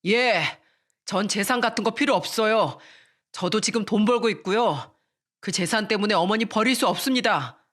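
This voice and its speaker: A woman's voice: medium pitch, normal speed, a bit bright, close to an everyday voice. A woman voicing a grown eldest son who firmly reproaches his father in a radio story. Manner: pleading, reproachful, formal.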